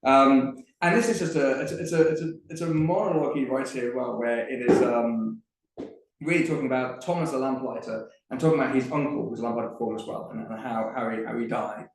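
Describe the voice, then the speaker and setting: A man's voice: medium pitch, fast. A man speaking on a live panel, thinking aloud with frequent restarts. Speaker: panel speaker on Dickens's plays. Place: museum event room. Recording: very echoey room.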